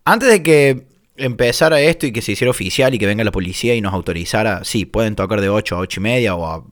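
A man with an Argentine accent from Córdoba chats casually at home. His pitch swings up and down freely, and his talk is playful and quick to laugh. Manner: laughs easily, lively and playful. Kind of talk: casual chat. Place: home during lockdown.

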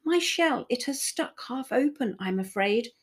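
A woman voicing a sad, polite giant river clam in a storybook, in a high, plaintive voice. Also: expressive, measured pace, a bit bright, slightly rough, full character voice. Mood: fretful.

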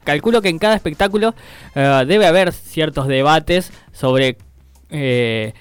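Male co-host, smooth and a bit high, measured questioner. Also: no room sound, soft background music. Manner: thoughtful, hesitant questions. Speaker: radio co-host. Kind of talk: casual radio interview.

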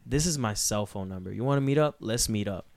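A man's voice: on the low side, quick pace, creaky, darkish tone. A man from Puerto Rico who is a guest on a podcast. He talks in a casual, emphatic, profane way and lays out his views at length.

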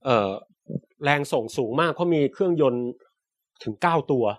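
A man's voice: mid-range voice, moderate pace, dry recording, clean studio sound. A man co-hosting a casual science podcast, explaining space news patiently and politely, with frequent restarts.

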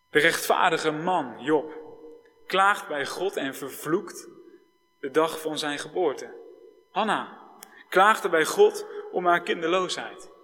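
A man preaching a sermon slowly and solemnly, with long pauses. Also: a little high, a bit bright. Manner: slow, solemn preaching with long pauses, switching between formal and informal address. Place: church hall. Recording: reverberant church hall.

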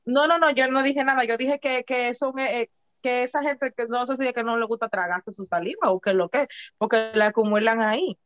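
A woman's voice: a little high, fairly quick, dry recording. A woman in a casual group chat, talking animatedly and exclaiming about annoying habits. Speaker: panelist. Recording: dull, dry lo-fi sound.

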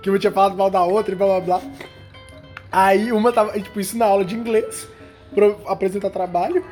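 A young adult, telling a school story in a casual, slangy, animated way. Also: mid-range voice, fast talker, faint music behind. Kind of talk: casual chat.

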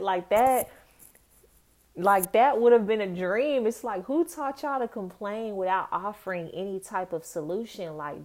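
A woman who teaches dance talks through her thoughts in a casual vlog monologue. She speaks reflectively, fills her sentences with "like," and keeps asking rhetorical questions. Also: on the low side.

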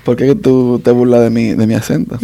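Gravelly Dominican man hosting a podcast. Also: mid-range voice, flat delivery, moderate pace, mellow. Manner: playful, teasing. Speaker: podcast host. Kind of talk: casual podcast chat. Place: recording studio.

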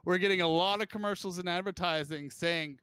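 A man's voice: sits high, brisk, bright, forceful tone, clean tone. A man co-hosting a podcast, chatting casually and dropping in short agreeing replies. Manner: conversational, brief agreeing interjections. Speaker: podcast co-host.

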